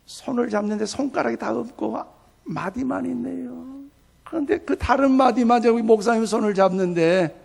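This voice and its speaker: High gravelly-voiced male pastor preaching. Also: moderate pace. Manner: storytelling preacher, swings from soft asides to loud emphatic bursts. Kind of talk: sermon.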